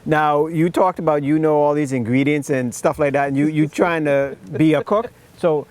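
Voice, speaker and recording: Bahamian guy hosting, kinda high voice, laughs a lot, trips over his words. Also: normal speed, a little mellow, no room sound. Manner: laughs often, repeats words. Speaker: talk show host. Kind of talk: casual chat.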